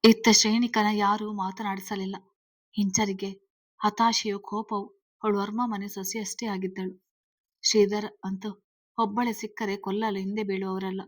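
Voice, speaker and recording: Woman storyteller, scripted narration, flat even pitch, dry close sound. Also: moderate pace, dry recording.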